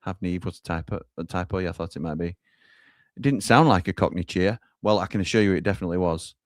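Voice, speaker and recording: Low-voiced man hosting a watchalong. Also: fast, no room sound, clean studio sound. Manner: reads out viewer comments and hands over to reporters. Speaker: watchalong host. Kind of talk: live football watchalong chat.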